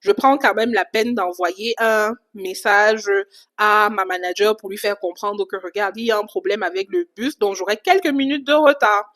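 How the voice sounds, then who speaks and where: A woman from Cameroon telling a personal story in a casual, animated vlog. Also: mid-range voice, moderate pace. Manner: animated retelling, casual fillers. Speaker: vlogger.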